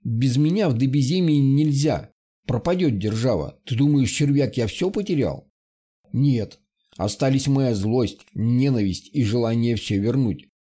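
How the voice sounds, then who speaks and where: A man voicing a grim, vengeful male villain who speaks in a rough, slow growl, for an audiobook. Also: mid-range voice, animated, mellow. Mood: menacing. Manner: slow, threatening, curt. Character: grim vengeful exiled male ruler, menacing.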